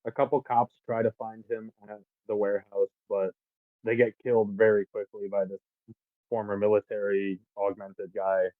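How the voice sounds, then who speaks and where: Low-voiced man on a tinny mic. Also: moderate pace, no echo. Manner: relaxed, recaps plot with casual swearing. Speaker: podcast co-host. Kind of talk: casual film chat. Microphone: faulty microphone.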